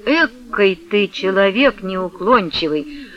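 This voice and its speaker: A man voicing an earnest village headman gently urging a younger man, in a radio reading. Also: high voice, expressive, takes it slowly, highs cut off. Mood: coaxing. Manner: earnest, coaxing. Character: persuasive village headman, soothing older man.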